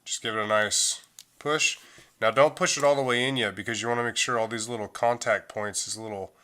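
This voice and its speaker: A middle-aged man talks a little fast as he demonstrates a phone repair. He has a slightly low, bright, forward voice, and his loose, casual delivery is full of fillers and restarts.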